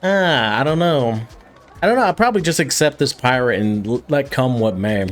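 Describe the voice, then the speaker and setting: A man's voice: medium pitch, expressive, moderate pace, faint music behind. Man doing wry gameplay commentary. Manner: wry, thinking aloud. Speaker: gaming video host. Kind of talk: casual let's-play commentary.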